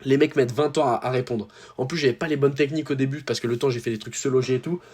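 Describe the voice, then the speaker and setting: A young man from France chats straight to his viewers in a loose, slangy way, full of fillers and restarts. His voice sits at an ordinary mid pitch. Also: steady tone, fast, darkish tone. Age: young adult. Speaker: tennis YouTuber. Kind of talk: casual storytelling to viewers.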